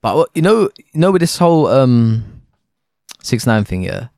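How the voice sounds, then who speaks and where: A man's voice: medium pitch, big pitch swings, moderate pace, creaky, a little mellow, no echo, clean studio sound. A young man with a London roadman accent and slang, debating casually.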